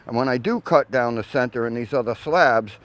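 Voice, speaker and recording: Speaking with a medium pitch and a fairly bright tone, an older man talks fairly quickly as he demonstrates chainsaw technique. He's a shipwright, miked with a lapel mic in a grassy yard next to a mill. He keeps things plain and practical, tossing in folksy asides as he goes step by step.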